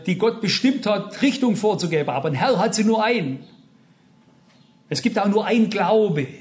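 High-voiced German preacher, emphatic sermon. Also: male voice, a little mellow. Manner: earnest, emphatic, addresses the congregation directly; retells an anecdote with dialogue.

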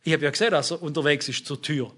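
Male preacher with a high voice, emphatic, keeps asking the congregation questions. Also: racing, a bit bright. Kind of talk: sermon.

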